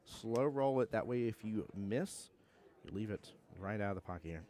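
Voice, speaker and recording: A man's voice: lowish voice, normal speed, a little mellow. A young man from Georgia with a Southern accent, commentating a pool tournament on a live stream and chatting with viewers in a joking, laid-back way. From Georgia, USA. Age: young adult.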